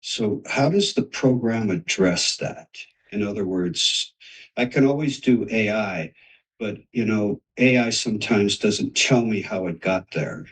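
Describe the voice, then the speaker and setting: Male, low voice, distant from the mic, inquisitive practitioner asking questions. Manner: probing, rambling questions. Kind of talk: casual video-call discussion.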